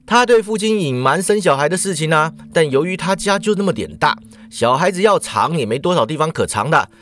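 Lively chatty male storyteller. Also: a little high, fairly quick. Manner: lively, chatty, with playful asides. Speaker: podcast host retelling myths. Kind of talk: casual storytelling narration.

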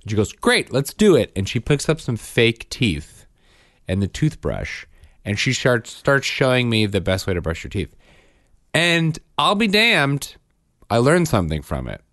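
A man's voice: mid-range voice, very animated, unhurried, a bit bright, dry recording. A man hosting a casual podcast chat, blunt and dry, swearing freely. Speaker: podcast host.

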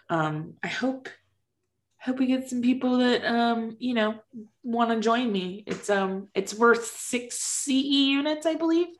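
A woman podcast co-host chats casually in a big, empty indoor room. Her voice carries a roomy echo off the bare walls, and she speaks at a middle pitch.

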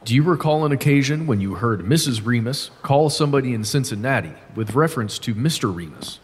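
A man's voice: mid-range voice, expressive, brisk, a little hiss or hum, natural voice. Man as an attorney, formal, methodical, reverberant, faint ambience. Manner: formal questioning. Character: methodical 1920s courtroom attorney.

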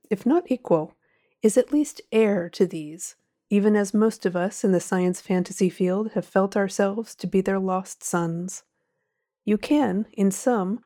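Mellow-voiced woman reading aloud. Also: mid-range voice. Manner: measured, expressive reading with dramatic pauses. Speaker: podcast host. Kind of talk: reading a book introduction aloud.

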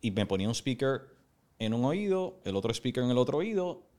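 A man who is a radio executive, a guest on a podcast, telling stories from his life in a relaxed, personal way. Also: medium pitch, brisk. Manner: relaxed, personal storytelling with English interjections. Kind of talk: casual interview storytelling. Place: podcast studio.

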